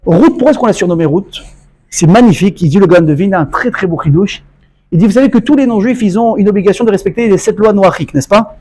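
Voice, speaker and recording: A man's voice: sits high, fast talker, poor audio. A man, a rabbi, giving a Torah lecture to a congregation, telling stories and acting out dialogue. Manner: animated storytelling, acts out dialogue.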